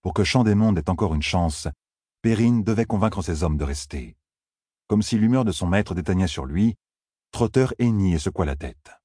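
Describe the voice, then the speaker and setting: A man narrating a fantasy audiobook in a dramatic, expressive reading on a close mic. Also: low voice, normal speed, slightly rough, no room sound.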